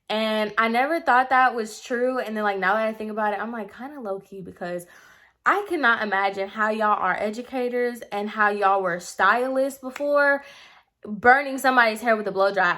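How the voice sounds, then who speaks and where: A woman's voice: medium pitch, a bit bright. A young woman in her twenties telling a storytime while doing her makeup, exasperated and emphatic, with lots of "like"s. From Puerto Rican heritage. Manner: exasperated, emphatic, rants with many "like"s. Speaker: beauty vlogger. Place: at home in front of a camera.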